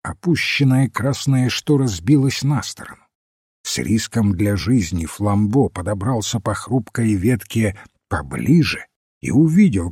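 A man reading a detective story aloud in measured, even narration. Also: medium pitch, breathy edge, no room sound, studio quality. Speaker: audiobook reader.

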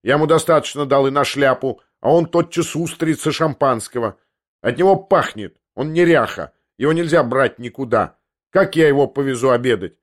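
A man's voice: medium pitch, moderate pace, close to an everyday voice. A man voicing an irritable, domineering young man who snaps and rants. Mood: irritated. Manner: irritable, snapping.

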